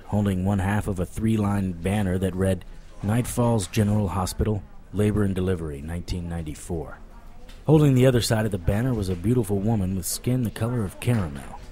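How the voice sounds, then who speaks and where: A man with a low voice close to his everyday one plays a wry, world-weary supernatural private investigator. He narrates deadpan, in the style of a noir audio drama.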